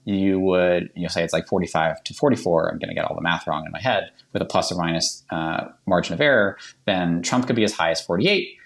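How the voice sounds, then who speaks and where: A man with a Boston accent, a guest explaining polling on a podcast in a quick, chatty way full of fillers and self-corrections. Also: deep voice, vocal fry.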